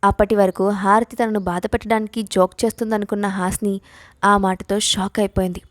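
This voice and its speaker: Brief: woman storyteller, steady scripted narration, mid-pitched, very dry close sound. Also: fairly quick, no room sound.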